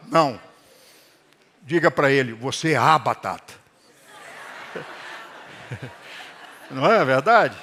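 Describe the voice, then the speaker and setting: A middle-aged man preaching a sermon to his congregation in a church hall, animated and calling for responses. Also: on the high side. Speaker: pastor.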